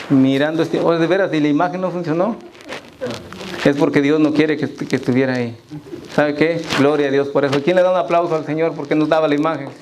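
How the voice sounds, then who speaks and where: A man's voice: on the high side, darkish tone, slight background noise, low-quality recording. A man leading a church Bible study, reading scripture aloud and quizzing the congregation.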